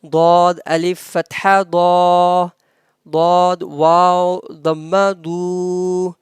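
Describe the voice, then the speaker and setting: Slow, careful Quran teacher drilling syllables. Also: medium pitch, smooth, no echo. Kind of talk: slow letter-by-letter recitation lesson.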